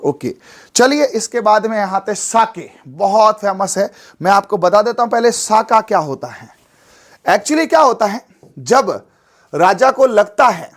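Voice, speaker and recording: A man teaching an exam-prep lecture, animated and talkative, often asking his listeners questions and mixing in English words. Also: high-pitched. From Rajasthan. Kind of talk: classroom lecture.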